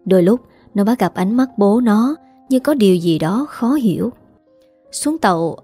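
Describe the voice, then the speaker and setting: A woman narrating a dramatic story with a steady, scripted reading. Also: mid-range voice.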